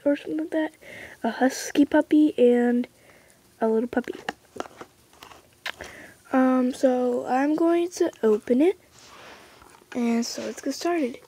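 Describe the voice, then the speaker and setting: A female vlogger unboxing a toy in casual chat, halting and hesitant, full of fillers and restarts, now and then dropping to a whisper. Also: high voice, a little hiss or hum. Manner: soft-spoken, drifting into whispers.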